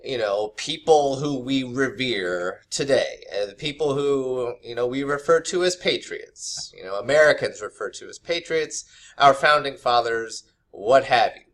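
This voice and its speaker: A man's voice: mid-range voice, animated, unhurried, a bit bright. A man giving an unscripted history lesson to camera, loose and conversational, with many fillers and restarts. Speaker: history teacher. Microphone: camera mic.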